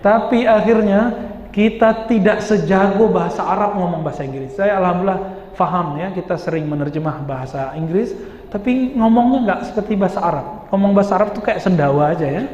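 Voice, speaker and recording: A man preaching a sermon in a mosque, lively and posing rhetorical questions to his listeners. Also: high-pitched, fairly quick. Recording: echoey hall, dull sound.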